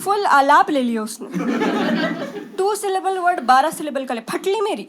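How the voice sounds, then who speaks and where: A woman's voice: extremely high pitch, expressive, normal speed. A young woman performing a stand-up comedy set on stage, brash and conversational, dropping English phrases into her talk. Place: stage before a live audience. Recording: loud background noise.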